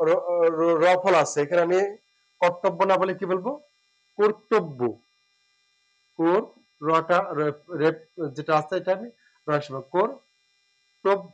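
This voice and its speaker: A man teaching word pronunciation, drawing out syllables slowly with hesitant fillers between points. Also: a little high, poor audio. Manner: slow and deliberate, drawing out syllables. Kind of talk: pronunciation lesson.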